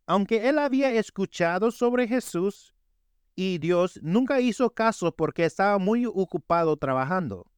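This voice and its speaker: A man delivers a sermon with earnest storytelling. His voice sits high and sounds smooth and resonant. The recording is dry and close, with no room sound. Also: no echo. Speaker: preacher.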